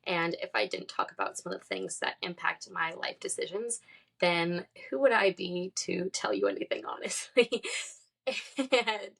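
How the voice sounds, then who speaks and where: A woman's voice: on the low side, lively intonation, normal speed, vocal fry, fairly bright tone. A young woman in her twenties from California, hosting a casual solo podcast, chatty and upbeat with a few laughs. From San Diego, California. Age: 20s. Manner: chatty and upbeat, laughs often, says "like" and "literally". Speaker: podcast host.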